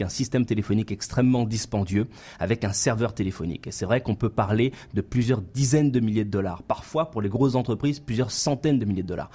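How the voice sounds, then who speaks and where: A man's voice: fairly low pitch, a little mellow, slightly rough. A man who founded a company, a guest on a radio interview, explaining step by step in numbered points in a radio studio.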